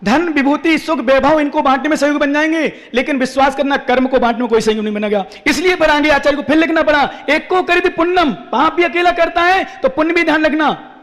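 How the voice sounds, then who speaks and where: A man's voice: very high-pitched, a little fast, fairly bright tone, long reverb tail. A man preaching a sermon as a Jain monk, emphatic and repetitive, asking rhetorical questions and chanting scripture verses. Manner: emphatic, repeats key phrases, asks rhetorical questions.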